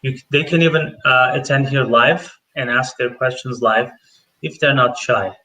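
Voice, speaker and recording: A man's voice: mid-range voice, fairly even intonation, normal speed, sharp tone. A man hosting a live webinar as program manager, friendly and hesitant, with many fillers. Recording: roomy distant webinar audio.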